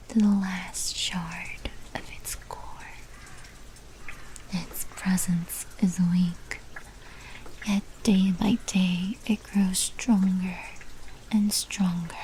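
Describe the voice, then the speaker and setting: In an ASMR roleplay, a woman voices a sly female vampire mafia manager, mostly in a breathy whisper with slow, theatrical delivery. Her voice is fairly low and mellow, and the rough recording has slight background noise.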